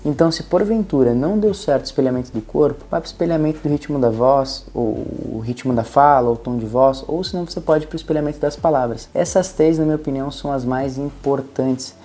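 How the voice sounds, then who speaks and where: A man's voice: medium pitch, fast talker, few pauses, dark tone. A man with a Brazilian Portuguese accent, giving a patient, step-by-step lesson as a communication coach. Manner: patient, encouraging, explains step by step. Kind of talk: instructional talk to camera.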